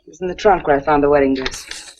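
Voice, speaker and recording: A woman's voice: deep voice, brisk, darkish tone, close to an everyday voice. An actress playing a hard-boiled, slangy female accomplice of a con man in a 1940s film. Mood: wisecracking. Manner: blunt and slangy. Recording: dull old 1940s film soundtrack with faint hiss.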